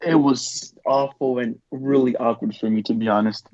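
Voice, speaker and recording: A man's voice: medium pitch, steady tone, normal speed, crowd noise. A teenage boy speaks plainly and bluntly in a casual podcast chat. His audio comes through dull and lo-fi. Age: teens. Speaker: podcast co-host.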